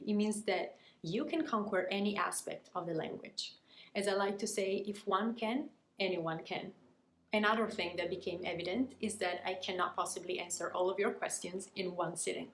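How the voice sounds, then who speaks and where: An Italian woman, a native Italian speaker with an Italian accent, gives a prepared educational talk as a language coach. She is articulate and places her emphasis deliberately, speaking at medium pitch. The room is echoey with faint noise.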